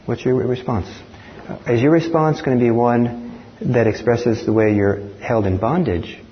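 A man from Norway giving a dharma talk as a meditation teacher, speaking in a reflective, measured way. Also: mid-range voice. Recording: dull lo-fi talk recording with faint hiss.

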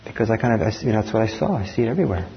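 A man from Norway giving a dharma talk as a meditation teacher, speaking in a reflective, measured way. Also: on the low side, lively intonation, creaky. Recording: dull lo-fi talk recording with faint hiss.

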